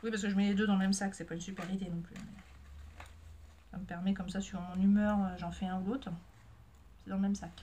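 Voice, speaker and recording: A woman's voice: mid-range voice, level tone, fast talker, pauses often, warm tone. A woman, a mother, chatting casually to her viewers in a rambling, self-mocking way with many fillers. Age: adult with a child. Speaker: sewing and knitting vlogger. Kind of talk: casual chat to camera.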